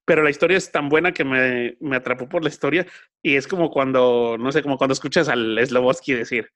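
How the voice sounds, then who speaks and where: A man with a Mexican accent chatting casually as a podcast co-host, full of slang and putting on quick voices in quotes. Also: medium pitch, fairly bright tone. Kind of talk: casual chat.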